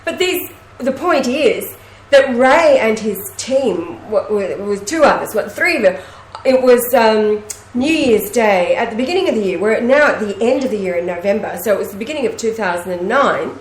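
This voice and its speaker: A woman with a fairly high voice tells stories in lively casual talk, acting out what others said. She is recorded in a noticeably echoey room. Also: moderate pace, a little hiss or hum. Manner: animated storyteller, acts out quoted speech. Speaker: host. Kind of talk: casual conversation.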